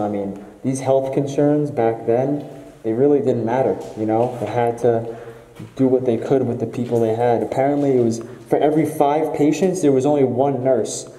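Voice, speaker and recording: Young male explorer, dark mellow tone, awed speculative walkthrough, echoey empty building. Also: medium pitch, slight background noise. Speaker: urban explorer. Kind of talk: casual guided walkthrough. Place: large abandoned hospital, indoors. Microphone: camera-mounted mic, wearing a respirator mask.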